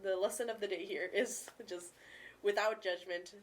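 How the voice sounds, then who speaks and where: A woman's voice: medium pitch, fairly even intonation, normal speed, slight background noise. A young woman with an anglicized accent hosts in a middle register. Her talk is casual and conversational, with informal youthful slang. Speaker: show host. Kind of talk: casual chat.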